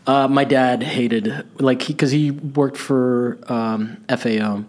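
A man in his forties hosting a podcast, chatting casually and rambling a little, recorded in a gallery on a boom-arm studio mic. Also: takes it slowly. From grew up in Costa Rica, Italy and Miami. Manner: relaxed, rambling, laughs easily. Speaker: podcast host. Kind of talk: casual interview chat. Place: gallery space, indoors. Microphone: studio mic on boom arm, headphones.

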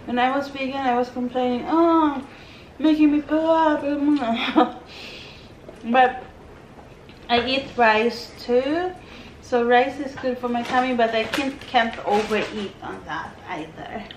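A middle-aged woman, a mother, chatting at a meal in short slow remarks. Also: a little high, steady tone. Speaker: vlogger's mother. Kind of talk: casual mealtime chat. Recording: echoey room with faint noise.

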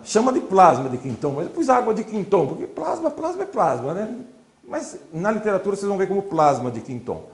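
A man's voice: sits high, sing-song, a little fast. A man giving an informal classroom lecture, chatty, constantly saying "look" as he points at slides. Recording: echoey lecture hall.

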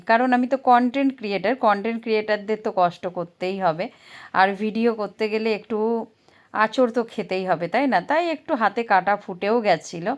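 A woman's voice: a little high, a little hiss or hum. A woman narrating a casual mini-vlog outdoors, chatting to viewers in a coaxing show-and-tell way with many little questions. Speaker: vlogger and content creator. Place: outdoor garden.

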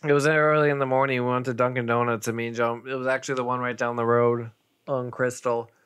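Young man, smooth clear voice, relaxed matter-of-fact storytelling, casual podcast chat. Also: medium pitch, fast. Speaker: podcast co-host.

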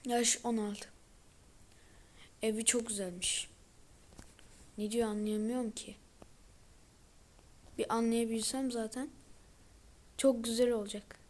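A woman giving let's-play commentary with excitable running reactions to the screen, often dropping into a whisper. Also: on the high side, takes it slowly, pauses often. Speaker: gaming video creator.

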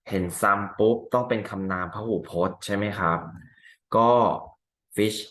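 Guy teaching exam answers, reads examples real slow, kinda deep voice. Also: fairly even intonation, fairly bright tone, roomy sound. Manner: explains step by step, asks rhetorical questions; reads example sentences slowly and deliberately. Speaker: English teacher. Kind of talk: exam answer walkthrough lesson.

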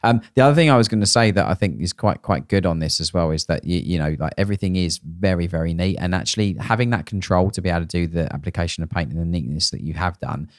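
A man's voice: deep voice, fast talker, hardly any pauses, dry recording. A man in his thirties co-hosting a miniature painting critique show from a small studio, talking casually with many fillers and restarts into a podcast mic. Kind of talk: casual feedback chat. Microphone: podcast mic on boom arm.

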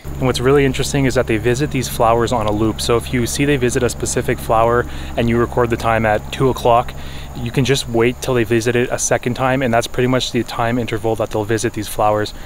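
Flat in delivery but full of enthusiasm, a thirtysomething wildlife photographer talks quickly to camera in a middling pitch, explaining what he sees. He films informally outdoors in the jungle, an orchard and beside a river, faint outdoor sounds behind his voice.

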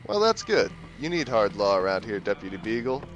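A very animated man with a lowish voice talks briskly as he hosts a gaming video. Game music plays while his let's play commentary teases and jokes at the game's characters, often talking right over them.

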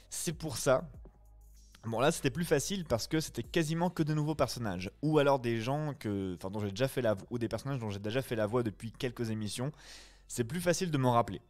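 A man's voice: medium pitch, darkish tone. A man, chatting casually with his live viewers after a reading in a friendly, reflective way. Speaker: streamer and voice-acting reader.

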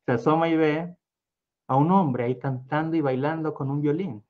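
A man's voice: fairly high pitch, fairly even intonation, moderate pace, narrow, tinny audio. A man telling a story casually as a guest, meandering with fillers and acting out the voices. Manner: meandering, lots of fillers and restarts, acts out voices.

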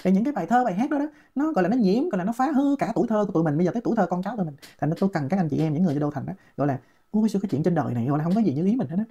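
Mocking Southern Vietnamese woman, rapid rant. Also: on the low side, lively intonation, mellow, slightly rough, dull audio. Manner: mocking, scolding. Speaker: online commentator. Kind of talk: ranting commentary.

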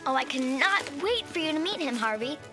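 An actress voicing an eager, cheerful twelve-year-old witch girl who gushes excitedly. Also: high voice, fairly quick, over music. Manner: excited, gushing.

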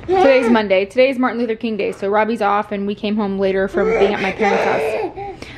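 A woman's voice: medium pitch, expressive, a little fast, heavy background noise. A woman in her twenties chatting casually to camera in her home kitchen, upbeat and talking with her hands. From Texas. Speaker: lifestyle vlogger. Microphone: camera on a tripod across the kitchen.

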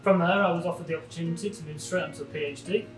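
Fast-talking man from Lancaster. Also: on the high side, fairly even intonation. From Lancaster, England. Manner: brisk, clear explainer. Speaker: postdoctoral research associate. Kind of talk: scripted explanation to camera. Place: university lab, indoors. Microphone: camera at a distance. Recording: echoey lab with distant mic, guitar music behind.

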